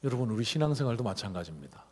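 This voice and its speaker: A middle-aged man preaching a sermon as a pastor, swinging between loud calls and low, quiet asides. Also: big pitch swings, racing. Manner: acts out shouted cries and quoted voices. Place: church sanctuary. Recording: long hall reverb of a church.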